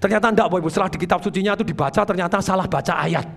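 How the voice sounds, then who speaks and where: A man giving an energetic motivational seminar talk, drawing call-and-response from the audience and addressing them formally again and again. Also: high voice, racing, creaky, crowd noise. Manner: acts out tones of voice to make points. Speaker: motivational speaker.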